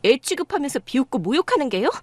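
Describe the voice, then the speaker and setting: A defiant young pregnant bride in an audio drama, voiced by a woman. She speaks firmly and indignantly in a high, lively voice. The recording is dry and close. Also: quick pace, dry recording. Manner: firm, indignant. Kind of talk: dramatized story dialogue.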